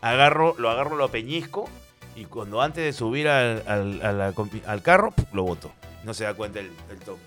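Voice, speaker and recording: A man with a Peruvian accent telling a comic story, animated and slangy, on a comedy podcast. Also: lowish voice, normal speed, soft background music. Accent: Peruvian Spanish. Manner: animated, slangy, acts out voices.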